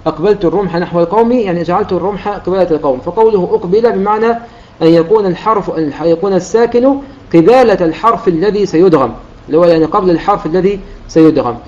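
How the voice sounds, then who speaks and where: Male recitation teacher, high voice, quick explanatory delivery, dull lo-fi sound. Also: darkish tone. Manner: explanatory, quotes verses in a slow chanted delivery. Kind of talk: explaining a classical poem on Quran recitation rules. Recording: dull lo-fi recording.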